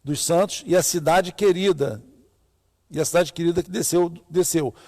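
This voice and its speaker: A man's voice: a little high, normal speed, warm tone. A Brazilian man reading and commenting on scripture informally as a pastor, repeating key phrases for emphasis. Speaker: pastor, co-host. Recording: long hall-like reverb.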